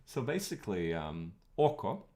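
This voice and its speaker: A man's voice: fairly low pitch, big pitch swings, normal speed, dark tone, slight background noise. A man whose first language is Croatian, giving a chatty, digressive live-stream lecture on language history and thinking aloud as he goes. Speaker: streamer teaching linguistics.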